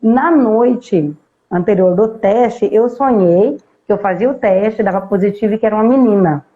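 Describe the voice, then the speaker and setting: A Brazilian woman, an interview guest, telling a personal story in a casual, lively way and acting out bits of dialogue. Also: medium pitch, normal speed, phone-quality sound.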